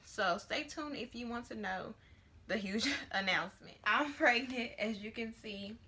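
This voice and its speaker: A woman's voice: a little high, a little slow, pushed and bright. A woman in her late teens, vlogging at home to a camera on a tripod and chatting casually with lots of fillers. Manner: chatty and rambling, with many fillers. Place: at home, near her bedroom.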